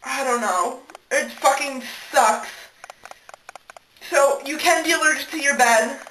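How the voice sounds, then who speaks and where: High, bright-voiced exasperated young woman. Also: unhurried. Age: young adult. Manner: exasperated, dramatic, sweary complaining. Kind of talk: casual venting vlog. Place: small indoor bathroom. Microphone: phone at arm's length. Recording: echoey, distant, noisy bathroom phone recording.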